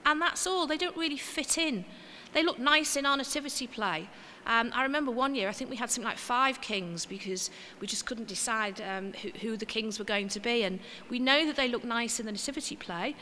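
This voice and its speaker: Bright-voiced woman preaching in a church. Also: a little high, brisk, few pauses, big-room sound, a little hiss or hum. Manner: chatty and homely, with gentle self-mocking asides. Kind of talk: informal sermon.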